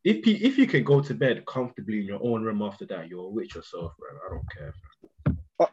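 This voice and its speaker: A man's voice: lowish voice, sing-song, brisk, a little mellow, husky, dull audio. A young man with a London roadman accent, telling things emphatically in casual, slangy banter.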